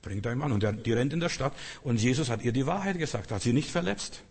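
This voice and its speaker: A man delivers a sermon in an earnest, direct manner and keeps putting questions to his listeners. His voice is husky and sits in a mid register. A long reverb trails after every phrase, as in a large hall. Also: mid-range voice, animated, quick pace, a little mellow. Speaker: preacher.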